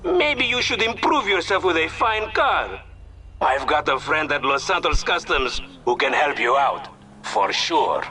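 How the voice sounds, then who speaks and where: An actor playing a slick, condescending car dealer in a video game, insinuating and smooth-talking over a phone call. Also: male voice, on the high side, sing-song, measured pace, pushed and bright, full character voice. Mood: smug, insinuating. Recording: distant, radio-like game phone audio.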